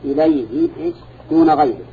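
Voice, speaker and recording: A man teaching a classroom lecture, speaking in a measured way and quizzing his students with short questions as he goes. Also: on the high side, huge pitch swings, gravelly, slight background noise. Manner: measured, quizzes listeners with repeated "ha?" and "na'am". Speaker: teacher of Quran interpretation. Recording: dull lo-fi recording.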